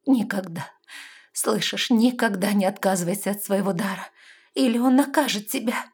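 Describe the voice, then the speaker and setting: A woman's voice: mid-range voice, normal speed, breathy edge. A woman voicing a frightened, loving queen mother who urges her daughter to flee. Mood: earnest. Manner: urgent, fearful, loud. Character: loving anxious queen mother, fearful, urgent.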